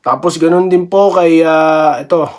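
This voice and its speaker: This is a man hosting a casual basketball vlog, his voice sitting a little high for a man. He rambles in a friendly way, laughs often and keeps tossing little tag questions at his viewers. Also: steady tone, a little slow. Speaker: basketball vlogger. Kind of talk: casual sports commentary vlog.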